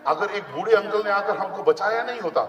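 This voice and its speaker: A man voicing an eager, chatty young boy during a sermon story, excited and pleading. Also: high-pitched, fairly quick. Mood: recounting. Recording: roomy hall, distant camera mic.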